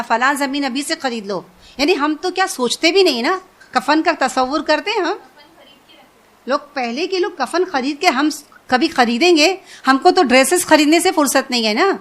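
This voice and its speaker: A woman's voice: high voice, fairly bright tone. A woman giving an informal religious lesson, talking conversationally, repeating phrases and asking her listeners questions. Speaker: Quran teacher.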